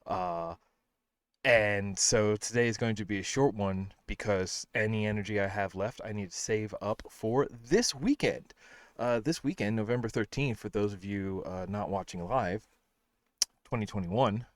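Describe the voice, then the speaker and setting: A man's voice: lowish voice, unhurried, no room sound, studio quality. Tired, rambling man streaming games. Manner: rambling, self-deprecating, many fillers. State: tired, out of breath. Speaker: streamer host. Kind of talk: casual livestream chat.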